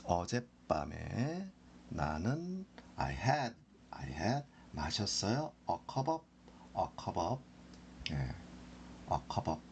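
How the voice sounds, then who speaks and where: Male English teacher, lively pitch, slow drilling delivery. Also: vocal fry, slight background noise. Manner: repeats phrases slowly for drilling. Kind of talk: slow explanatory lesson.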